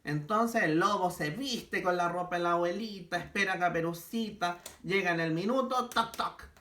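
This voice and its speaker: Male schoolteacher, bright tone, slow careful delivery to kids, echoey room. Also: high-pitched. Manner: slow, stretched-out examples for children. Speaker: school language teacher. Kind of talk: recorded class for young pupils.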